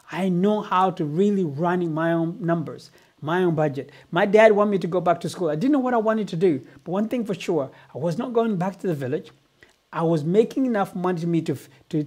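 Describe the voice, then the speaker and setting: A man's voice: sits high, darkish tone. A middle-aged man from Uganda giving a motivational business talk, telling his life story earnestly and often repeating words. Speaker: business coach.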